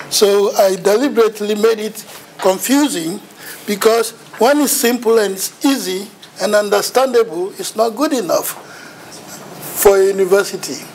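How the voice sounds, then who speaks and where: A middle-aged visiting lecturer with a Ghanaian accent tells his story with self-mocking humour while giving a seminar in a lecture room in front of a projection screen. His high voice is a little mellow. The recording is poor, carrying a little hiss or hum.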